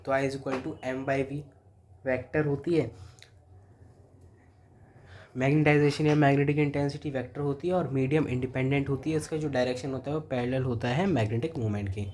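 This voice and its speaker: A man's voice: medium pitch, fairly even intonation, normal speed, a little mellow. A man with an Indian accent, teaching a physics revision lecture step by step and talking to students familiarly. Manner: explains step by step, addresses students as beta and bhai.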